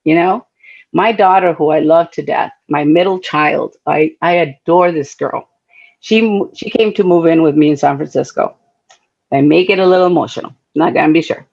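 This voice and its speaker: A woman's voice: low-pitched, normal speed, vocal fry, darkish tone, highs cut off. A middle-aged woman from Guatemala, speaking earnestly and conversationally as a panelist at a talk event, telling personal stories. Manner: earnest, heartfelt, conversational, with frequent fillers.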